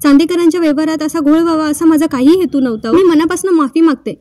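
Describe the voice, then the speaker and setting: A woman reads the lines of a meek young woman from a TV serial who pleads softly and apologizes. The voice is high and mellow. It is recorded dry and close. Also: fast, no room sound, lightly acted. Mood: pleading, apologetic.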